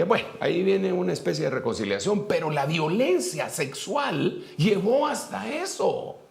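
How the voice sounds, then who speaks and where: Man, pastor, sermon, gravelly voice, storytelling. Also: fairly high pitch. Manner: retells scripture in a lively storytelling way with pauses and restarts.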